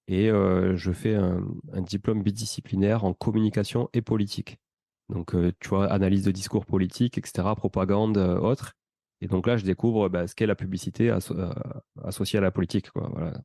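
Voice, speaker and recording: A man in his thirties with a Toulouse accent, telling his life story as a podcast guest in a relaxed, rambling way with many fillers. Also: low-pitched, a little fast, gravelly, no echo, clean studio sound. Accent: Toulouse French. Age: 30s. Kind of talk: casual conversational storytelling.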